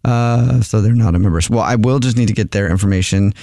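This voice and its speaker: A man's voice: on the low side, vocal fry, mellow, no echo, clean studio sound. Casual male radio host on a prank call. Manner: casual, chuckling, halting with fillers. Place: radio studio.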